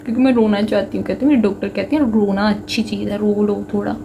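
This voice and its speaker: A woman's voice: medium pitch, fairly even intonation, fast, mellow, slight background noise. A young woman with a Punjabi accent, chatting and joking with viewers on a casual livestream. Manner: chatty, joking and self-mocking, mixing Punjabi into Hindi. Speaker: livestream host.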